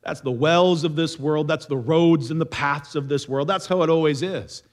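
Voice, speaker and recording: A man's voice: a little high, normal speed. A man teaching a midweek Bible study in an earnest way, repeating phrases for emphasis.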